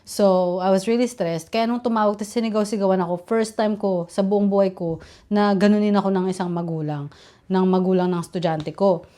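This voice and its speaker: A woman's voice: medium pitch, steady tone, fairly quick, mellow. Young Filipino-accented woman, candid and chatty, mid-range voice, vlog storytelling. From Philippines. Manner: chatty, mixes English and Tagalog, candid. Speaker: vlogger, teacher.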